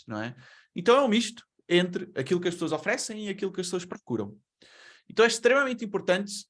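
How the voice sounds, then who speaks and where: On the high side and fairly bright in tone, this is a man giving a webinar presentation to people online. Though born in Brazil, he has a European Portuguese accent, and he keeps things conversational with rhetorical questions.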